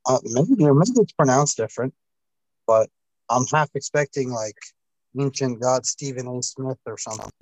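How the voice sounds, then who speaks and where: A man's voice: medium pitch, moderate pace, no echo, low-quality recording. A man raised in the United States after an early childhood in Egypt, talking plainly and asking questions on a video call. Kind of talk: casual chat.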